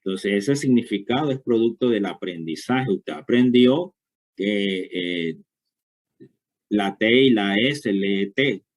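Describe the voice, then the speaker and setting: A man's voice: on the low side, takes it slowly. A man giving a university lecture, explaining step by step and checking understanding with frequent short questions.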